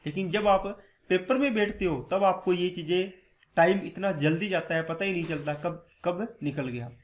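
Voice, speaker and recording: A man's voice: high voice, moderate pace. A male teacher explaining a maths exam lesson step by step, asking questions and answering them himself. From India. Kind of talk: exam-prep lecture.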